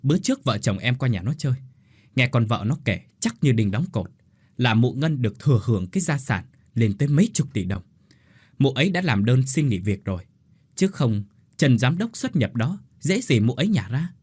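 A man voicing a scheming, greedy adult woman who talks in a hurried, insistent way. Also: medium pitch, big pitch swings, darkish tone, slightly rough. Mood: urgent gossip.

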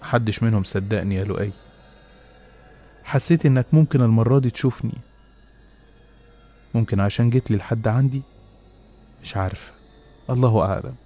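A man's voice: medium pitch, fairly quick, long pauses, mellow, natural voice. A man voicing a motherly old woman's ghost with an Egyptian accent, speaking tenderly and calling the listener her son. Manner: tender, calls him "my son". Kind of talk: storytelling voice acting.

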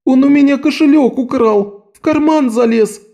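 A man voicing a young boy acolyte, high tearful wail, audiobook figure. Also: moderate pace, gravelly, dark tone.

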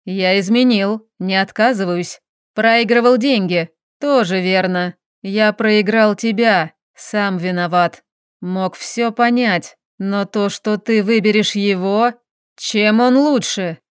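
A woman voicing a bitter, mocking estranged husband who spits out his words slowly. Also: medium pitch, smooth, no room sound, studio quality, close to an everyday voice.

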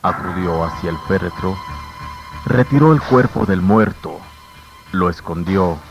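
A man narrating a radio drama in a measured, grave storytelling manner, heard as an old radio show broadcast. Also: low-pitched, gravelly, music in the background. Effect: old radio show broadcast sound. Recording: muffled old radio recording with faint hiss.

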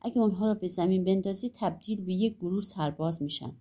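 A woman's voice: mid-range voice, mellow, highs cut off, close to an everyday voice. A woman voicing a mysterious man with magic sticks, explaining knowingly in a storybook.

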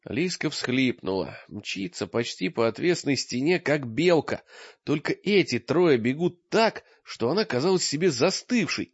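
A man reading an audiobook in expressive scripted narration, recorded with a dull lo-fi sound. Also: mid-range voice, no echo. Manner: lively, expressive storytelling.

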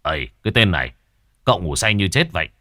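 A man's voice: low-pitched, very animated, quick pace, pushed and bright, dry recording, clean studio sound, full character voice. A man voicing a blunt, teasing young male friend in a spoken horror story. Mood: gruff teasing. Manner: blunt and mocking.

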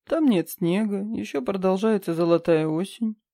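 A woman voicing a young husband who speaks in a gentle, persuasive way. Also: medium pitch, normal speed, no echo, clean studio sound, natural voice. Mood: coaxing. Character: young husband, tense but coaxing.

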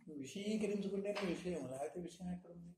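A man giving a spiritual discourse, teaching with frequent rhetorical questions in a measured, emphatic manner. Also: sits high. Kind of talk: satsang discourse. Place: hall in Hyderabad. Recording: echoey room, faint noise.

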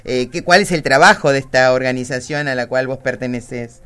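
Low-voiced woman interviewer. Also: moderate pace, smooth. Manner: hesitant, soft backchannels. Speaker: radio interviewer. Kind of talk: interview questions.

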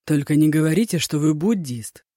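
A narrator voicing a calm, level-headed male court officer. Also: mid-range voice, dry recording, studio quality, close to an everyday voice. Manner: calm, measured.

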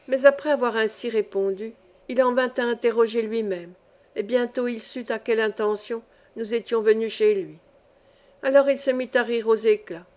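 A woman reading a classic novel aloud, calm and measured, as an audiobook narrator. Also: a little high. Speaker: audiobook reader.

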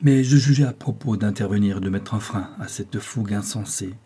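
Male audiobook narrator, dark and husky, measured and expressive. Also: fairly low pitch. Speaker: audiobook reader. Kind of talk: scripted novel narration.

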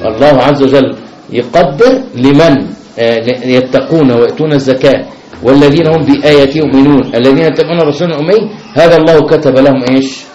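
A man's voice: mid-range voice, quick pace, darkish tone. Male teacher, patient question-and-answer lesson, dull roomy recording. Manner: repeats questions to the class, many fillers and restarts. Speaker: sheikh teaching new Muslims. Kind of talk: religious lesson. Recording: dull roomy classroom recording with faint noise.

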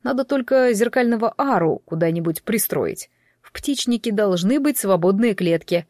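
A woman reading the lines of a cheerful, teasing young male manager in an audiobook, without lowering her voice. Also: animated, normal speed, a little mellow, no room sound, clean studio sound, lightly acted. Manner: playful, easygoing.

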